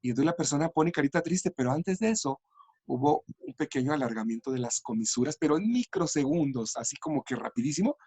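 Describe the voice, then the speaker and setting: Husky-voiced man explaining patiently. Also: on the high side, expressive, brisk, warm tone, no echo. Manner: thoughtful, with fillers and restarts. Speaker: education and language researcher. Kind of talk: explanatory interview talk.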